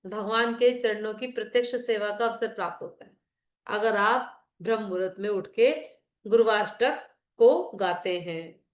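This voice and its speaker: A woman's voice: medium pitch, a little slow, reverberant. A middle-aged woman teaching a devotional class in a casual, conversational way, explaining with anecdotes and asides. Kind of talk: casual Hindi class talk mixing English.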